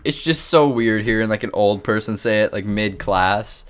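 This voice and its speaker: A man's voice: lowish voice, normal speed, smooth. A teenage boy hosting a gameplay video, chatting casually and joking with a friend, laughing often. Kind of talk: casual gaming chat.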